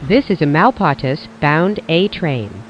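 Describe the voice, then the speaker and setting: A train announcer reads a measured, formulaic script with animated pitch. The recording sounds dull, with faint vehicle noise underneath.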